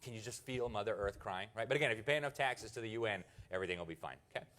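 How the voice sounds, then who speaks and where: A man's voice: on the low side, very fast, fairly bright tone. Sarcastic American man giving a talk. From United States (Miami). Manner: sarcastic, mocking asides. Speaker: journalist giving a conference talk. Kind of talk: conference speech to an audience.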